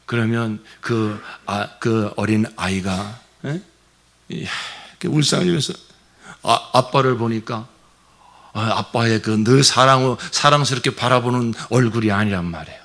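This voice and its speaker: A male pastor delivering a Sunday sermon, swinging between raised, passionate preaching and soft, near-whispered asides. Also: mid-range voice, unhurried. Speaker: senior pastor. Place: church sanctuary.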